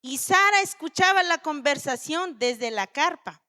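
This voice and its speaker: A woman preacher giving a sermon at a church vigil, animated and speaking directly to the congregation. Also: high-pitched, unhurried. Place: church service.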